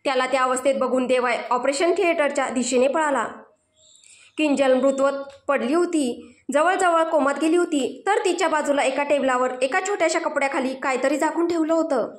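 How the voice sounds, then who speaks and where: A woman's voice: sits high, moderate pace. A woman narrating a dramatic serialized story in an intense, emphatic manner. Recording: roomy echo.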